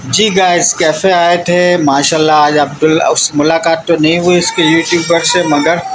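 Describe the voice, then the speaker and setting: A man's voice: a little high, flat delivery, normal speed, slight background noise, rough recording. A man in his thirties narrating a casual family vlog from a restaurant and cafe, chatting to viewers and coaxing a child along. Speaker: vlogger. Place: restaurant and themed cafe, partly outdoors.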